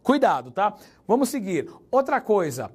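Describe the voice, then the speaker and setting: Joking teacher. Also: male voice, high-pitched, big pitch swings, a little mellow, husky. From Brazil. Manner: chatty, joking, spells words out slowly and stresses them. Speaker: Portuguese teacher. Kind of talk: recorded exam-prep lesson.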